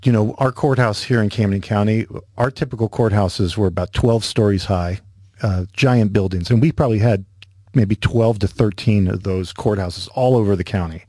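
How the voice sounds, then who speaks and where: A man's voice: lowish voice, normal speed, warm tone, dry recording. A middle-aged man hosting a radio show in a studio, chatting casually, laughing easily and telling stories. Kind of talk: casual talk-radio chat.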